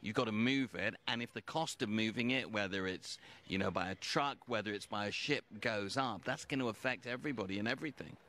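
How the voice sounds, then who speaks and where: Man, news presenter, low voice, measured, conversational. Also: pushed and bright.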